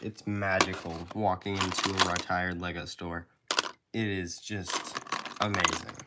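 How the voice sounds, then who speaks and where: A man's voice: fairly low pitch, slight background noise. A young man hosting a casual live stream Q&A, sounding stuffy from allergies and talking in a rambling, hesitant way with many fillers. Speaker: YouTube creator hosting a live Q&A. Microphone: handheld phone camera.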